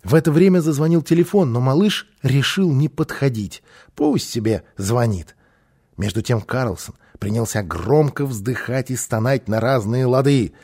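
A man reading a children's story aloud as narrator, expressive and lively in his storytelling. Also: medium pitch, normal speed, breathy edge. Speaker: audiobook narrator.

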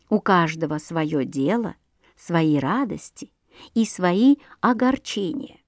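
A woman reading a children's tale aloud in an expressive storytelling manner. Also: mid-range voice, no room sound, clean studio sound. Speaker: narrator.

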